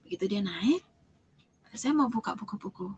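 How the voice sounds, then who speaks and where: A young woman giving a spoken personal testimony, telling her story with lively acted-out dialogue and sudden drops into whispers. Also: mid-range voice, moderate pace, muffled recording, a little hiss or hum. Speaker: testimony giver.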